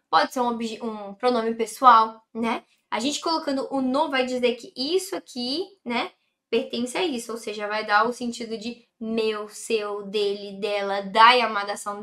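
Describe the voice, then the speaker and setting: A woman with a Brazilian Portuguese accent teaching a Japanese lesson, explaining patiently and repeating words slowly. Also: fairly high pitch, a bit bright. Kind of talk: online language lesson.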